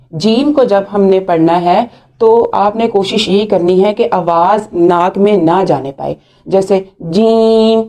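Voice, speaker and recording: धीमी रफ़्तार वाली धैर्यवान महिला शिक्षिका. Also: female voice, medium pitch, warm tone. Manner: patient, drawn-out letter sounds. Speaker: Quran recitation teacher. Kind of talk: slow step-by-step lesson.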